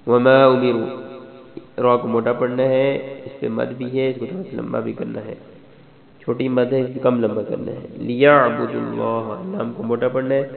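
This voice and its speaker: A man teaching Quran recitation rules, going slowly and precisely through each letter. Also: mid-range voice, little pitch movement, vocal fry, a crowd in the background. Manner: slow, precise, spells out letter by letter. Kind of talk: tajweed lesson. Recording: tinny phone-like sound in an echoey room.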